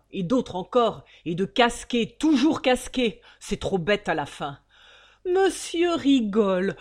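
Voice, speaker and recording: A woman voicing a greedy, irritable older male banker who rants loudly and scornfully in a storybook reading. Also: a little high, pitched above the performer's own voice. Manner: loud, ranting and scornful.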